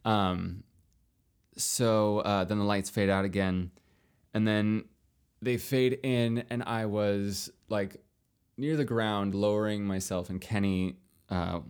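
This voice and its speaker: A young man telling a long story in casual chat, rambling with many fillers and restarts, lively when he quotes others. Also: low voice, clean tone. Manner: animated when quoting others.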